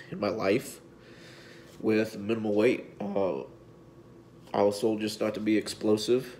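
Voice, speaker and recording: A man, a physique coach giving a heartfelt personal video update, halting and fighting back tears. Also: lowish voice, darkish tone, slight background noise. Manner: halting, repeats words, speaks from the heart. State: tearful, voice breaking at times.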